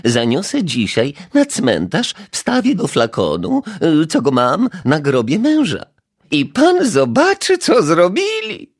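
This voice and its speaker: A man voicing an irritable elderly widow neighbour in an audiobook, with a shrill, huffy, scolding falsetto. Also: huge pitch swings, slow, breathy edge, heavily acted. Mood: grumbling. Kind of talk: audiobook character voice.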